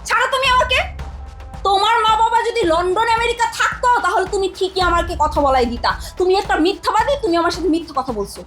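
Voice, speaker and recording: An actress playing a suspicious, hot-tempered young wife who demands and scolds in a TV family drama. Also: female voice, very high voice, expressive, fast talker, a bit bright, faint music behind. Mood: furious. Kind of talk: Bangla TV drama acting.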